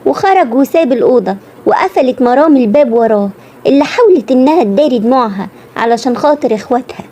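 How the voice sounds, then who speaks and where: A woman's voice: sits high, expressive, quick pace, mellow. Egyptian woman narrating a dramatic story.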